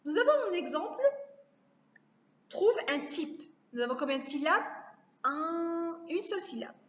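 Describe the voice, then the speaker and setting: A woman teacher giving a recorded lesson to young children, speaking slowly and carefully, repeating each word to break it down. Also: high voice, sing-song. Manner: slow, careful, repeats words to spell them out. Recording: echoey room, dull lo-fi sound.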